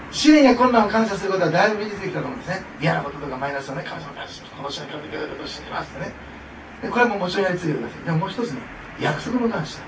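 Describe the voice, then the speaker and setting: A male pastor preaching a sermon with fervent, expressive delivery, often breaking into laughter. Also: high-pitched. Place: church sanctuary. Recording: echoey hall from a distance with noise.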